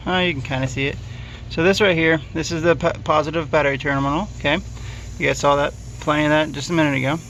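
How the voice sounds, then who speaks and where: A man's voice: on the high side, fairly bright tone, slight background noise, rough recording. A man casually walking viewers through a car repair outdoors, easygoing and hesitant, full of fillers. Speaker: DIY car repair vlogger. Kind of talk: casual how-to walkthrough.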